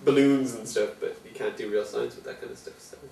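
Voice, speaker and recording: Male co-host, irreverent deadpan humour; roomy room, distant mic. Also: mid-range voice, fairly quick, gravelly. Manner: irreverent, laughing, deadpan dark jokes. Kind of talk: joking tech news chat.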